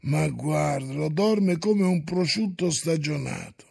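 A man voicing a stubborn, grumbling old manservant who keeps nagging and coaxing his master, in a husky, creaky voice. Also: a little high, slow pace, a little mellow, heavily acted.

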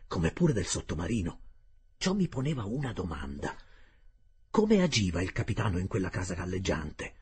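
A man reading a classic novel aloud in an expressive first-person storytelling style. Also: on the low side, slight background noise. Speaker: audiobook narrator.

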